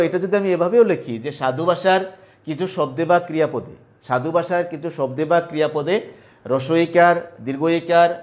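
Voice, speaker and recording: Man, teacher, online grammar lesson, slightly high voice, slow repetitive dictation. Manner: slow, repetitive dictation, spelling out terms piece by piece.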